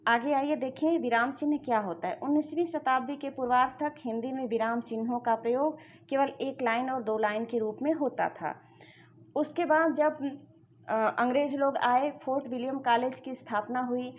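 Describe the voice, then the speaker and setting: A woman with a higher voice teaches a grammar lesson, talking straight to her students and walking them through each point. The recording sounds a little dull. A faint hiss sits underneath. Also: moderate pace. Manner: addresses students directly, explains step by step. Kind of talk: explanatory lesson.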